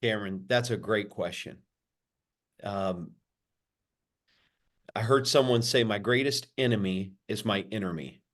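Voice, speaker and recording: A man's voice: a little slow, long pauses, a bit bright. Man answering in a preacherly cadence. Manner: preacherly, repeats phrases, rises in pitch for emphasis. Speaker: pastor, podcast guest. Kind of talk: sermon-like interview answers.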